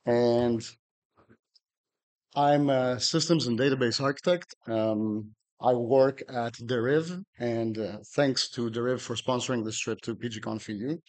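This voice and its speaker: A man's voice: medium pitch, unhurried. A middle-aged man from Greece, giving a technical conference talk at a podium with dry humor and frequent fillers. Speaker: conference speaker.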